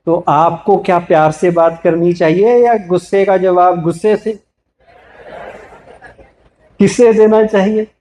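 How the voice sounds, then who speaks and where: A man giving a spiritual talk to an audience, gently teaching and repeatedly asking listeners questions before answering them himself. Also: sits high. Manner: slow, gentle, repetitive teaching. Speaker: spiritual speaker.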